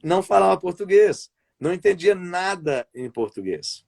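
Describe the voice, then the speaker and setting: A Brazilian wrestling commentator and play-by-play announcer tells long stories in a relaxed interview held over a video call and streamed live. His voice is a little high for a man, with vocal fry, and he talks at a normal speed. He rambles through his points, restarts often, and keeps tagging sentences with "né" and "sabe."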